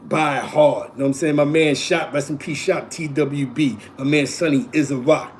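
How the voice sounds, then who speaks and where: His voice a little high, fairly even in intonation and at normal speed, this forties-aged show host from East Harlem tells neighborhood stories over a little hiss or hum. The New York accent, looping repetition and steady "you know what I'm saying" mark his casual streetwise storytelling.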